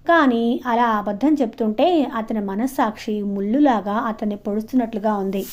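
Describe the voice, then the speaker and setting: A woman storyteller reading a novel aloud in an expressive, dramatic way, in a dull lo-fi recording. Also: fairly high pitch. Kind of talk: audiobook narration. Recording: dull lo-fi audio.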